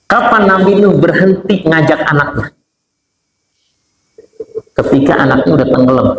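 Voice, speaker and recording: A middle-aged man giving a casual conversational sermon, mixing relaxed chatty asides with chanted Arabic verses. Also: a little high, normal speed. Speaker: preacher. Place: neighborhood prayer room. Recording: echoey prayer room with faint ambient noise.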